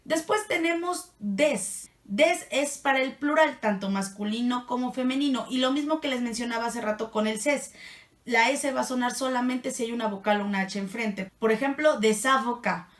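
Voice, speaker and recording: A woman's voice: on the high side, moderate pace, far from the mic. Chatty woman teaching French. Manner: chatty and playful, laughs at her own asides. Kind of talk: casual online language lesson. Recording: echoey room, voice set back from the mic.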